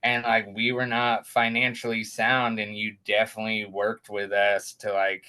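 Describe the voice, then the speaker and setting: A young man, a guest father, telling his story in a casual, animated way and acting out the quotes. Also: normal speed. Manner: animated, acts out quotes with raised pitch.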